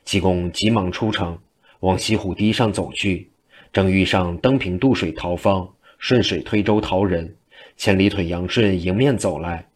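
Male storyteller, very low voice, brisk rhythmic narration. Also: slightly rough. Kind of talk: traditional Chinese storytelling.

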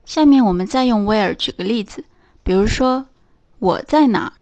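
A woman teaching English in a scripted lesson, reading out example phrases slowly and clearly. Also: on the high side, expressive, darkish tone.

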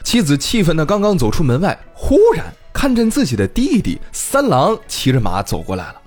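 A man's voice: on the high side, huge pitch swings, fairly quick, a little mellow, faint music behind. A man hosting a casual storytelling podcast, retelling a tale in a chatty way and speaking directly to listeners. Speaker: podcast host.

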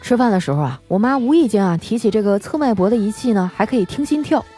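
A woman radio host tells comic family stories in a mellow, warm voice, stretching her sentence endings and laughing often. Soft music runs faintly underneath. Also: mid-range voice, expressive. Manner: chatty, with frequent drawn-out particles and laughs. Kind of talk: comic storytelling monologue. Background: faint background music.

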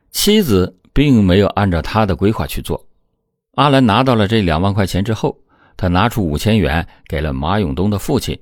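Low male voice, lively pitch swings, scripted true-crime narration, dry close recording. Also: dry recording.

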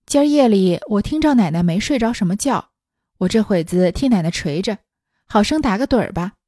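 A woman voicing a gentle, soothing young maid. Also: mid-range voice, expressive, a little fast, no room sound, studio quality, natural voice. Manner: soft, placating.

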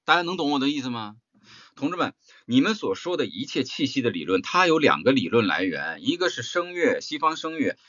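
Male voice-acting teacher lecturing a workshop: blunt, emphatic, rhetorical, swinging pitch, dry dull lo-fi sound. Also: bright, forceful tone, no echo.

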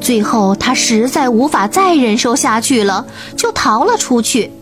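A woman narrating a children's bedtime story, gentle, clear and expressive. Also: fairly high pitch, unhurried. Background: soft music.

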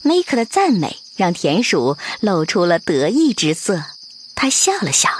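A woman narrator presenting a children's fairy tale in expressive, scripted storytelling. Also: lowish voice, a little slow, a little hiss or hum.

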